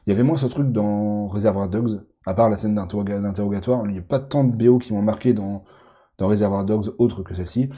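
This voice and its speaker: Rambling man with a dark voice. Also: fairly low pitch, a little fast, husky. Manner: rambling, self-correcting with many fillers and repeated words. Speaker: film YouTuber ranking movies. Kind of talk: casual chat.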